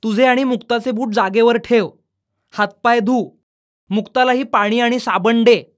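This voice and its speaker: A woman's voice: a little high, steady tone, normal speed, lightly acted. A woman voicing a patient, coaxing young mother in a children's storybook reading. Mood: scolding. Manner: gentle, coaxing.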